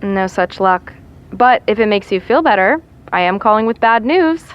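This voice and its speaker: Over a muffled phone line, an actress voices a young woman calling a friend with wry, deadpan teasing. Her medium-pitched voice is clear and resonant, and her pace is moderate.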